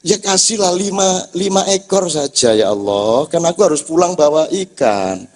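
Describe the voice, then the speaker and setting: A man's voice: on the high side, lively intonation, moderate pace, darkish tone. A man voicing a cheeky fisherman who complains and bargains with God for fish. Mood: bargaining. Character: grumbling Madurese fisherman haggling with God.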